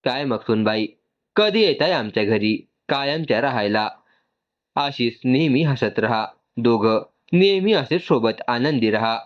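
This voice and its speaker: Middle-aged mother figure, affectionate and teasing, slightly raised pitch, read by a man, muffled lo-fi sound. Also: expressive, measured pace, close to an everyday voice.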